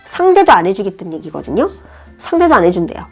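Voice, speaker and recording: A woman teaching Chinese, explaining a novel passage in a friendly, animated way. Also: mid-range voice, fast talker, slightly rough. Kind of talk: language lesson, reading a novel aloud and explaining. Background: soft background music.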